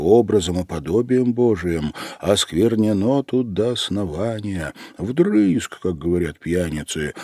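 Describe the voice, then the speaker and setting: A man narrating a classic story as an audiobook in an expressive reading style. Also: low voice, no echo, clean studio sound.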